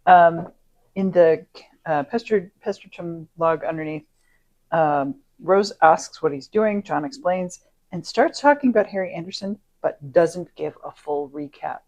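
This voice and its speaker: A woman co-hosting a casual commentary podcast, chatty, laughing often and repeating lines deadpan for a joke. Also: on the low side, a little slow. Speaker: podcast co-host.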